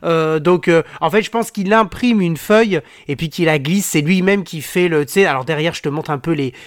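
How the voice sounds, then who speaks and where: A man's voice: fairly high pitch, a little fast, dry recording, studio quality. A man hosting a podcast in casual chat, rambling with many fillers and restarts. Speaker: podcast host.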